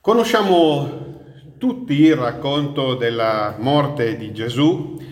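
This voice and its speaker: A male pastor giving a sermon, reading scripture aloud and then preaching with restarts and asides. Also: medium pitch. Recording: echoey hall.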